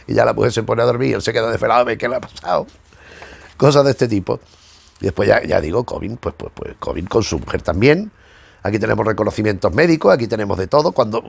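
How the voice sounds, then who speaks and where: A comic book reviewer and channel host talks loosely through issues as he browses them, pausing and repeating words in search of what comes next. He has a low voice with vocal fry and a breathy edge.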